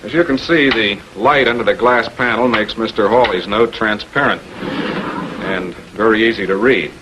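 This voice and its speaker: An American actor plays a shrewd, composed public prosecutor confronting murder suspects, questioning deliberately and with authority in a 1940s television crime drama style. His fairly low male voice is lightly acted and measured, in control, over a noisy 1940s film soundtrack.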